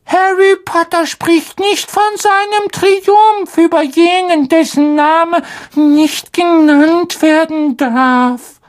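A woman voicing a tiny, devoted male house-elf, squeaky, hoarse, slow and tearful. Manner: squeaky, slow and pleading, on the verge of tears.

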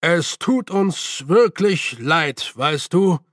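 A man's voice: on the high side, animated, extremely slow, a bit bright, no echo, studio quality, full character voice. A man reading an audiobook, voicing a nervous, apologetic old male postman who sounds set back and hesitant. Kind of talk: audiobook character voice.

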